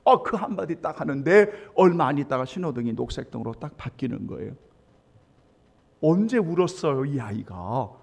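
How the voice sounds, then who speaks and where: A man preaching a sermon as pastor, telling a story and acting out the voices in it, with sudden loud emphatic swells. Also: fairly high pitch, animated, moderate pace, vocal fry. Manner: acts out quoted voices in the story.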